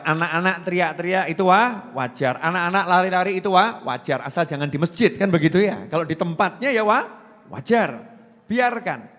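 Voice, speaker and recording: A man's voice: fairly high pitch, fairly bright tone. A man preaching a folksy, joking sermon, often putting questions to his audience. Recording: long reverb from a hall.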